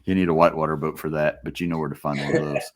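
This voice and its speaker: A man with a very deep voice hosts a laid-back podcast conversation. He talks in an easygoing way, relaxed and unhurried in tone. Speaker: podcast host. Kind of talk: casual chat.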